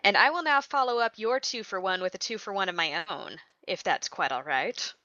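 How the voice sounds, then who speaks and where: A woman co-hosting a podcast in casual chat, talking in a brisk, tidy and polite way. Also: medium pitch, lively intonation, pushed and bright, no room sound. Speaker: podcast co-host. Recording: muffled lo-fi mic.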